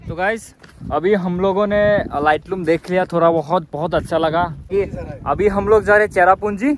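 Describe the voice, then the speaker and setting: A man's voice: high-pitched, fairly even intonation, moderate pace. A young man chatting casually to viewers in a travel vlog, recording on a handheld phone in a car and outdoors. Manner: chatty, addresses viewers as guys, upbeat. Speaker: travel vlogger. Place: inside a car, then outdoors at a scenic viewpoint. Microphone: phone camera held at arm's length.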